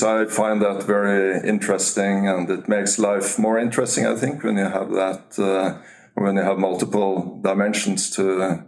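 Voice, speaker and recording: A man from Norway, a company CEO, talking as a guest in a remote interview, measured and often restarting his sentences. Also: lowish voice, creaky, darkish tone. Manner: measured, with frequent restarts and fillers. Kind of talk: casual interview talk.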